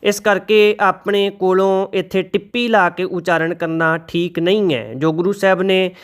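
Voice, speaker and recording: Male teacher, bright clear voice, slow measured chanting and careful spelling-out. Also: high-pitched, steady tone. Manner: slow, deliberate, spells out letters and corrects pronunciation. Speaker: Gurbani pronunciation teacher. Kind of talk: recitation lesson with slow chanted verses.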